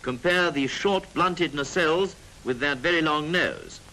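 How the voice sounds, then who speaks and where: Over a noisy 1940s film soundtrack, a British narrator delivers a military training film in a clipped, instructive style with dry, joking asides. His voice is a little high, unhurried, bright and forceful.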